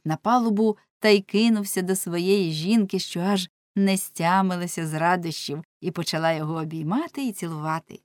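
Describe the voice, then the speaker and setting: A woman's voice: mid-range voice, no echo, clean studio sound. Woman narrating a dramatic story. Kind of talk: expressive audiobook narration.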